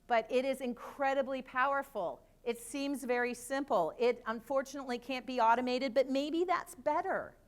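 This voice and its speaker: A middle-aged woman giving a live conference talk, lively and chatty with joking asides. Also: sits high. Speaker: conference speaker. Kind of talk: live presentation to an audience.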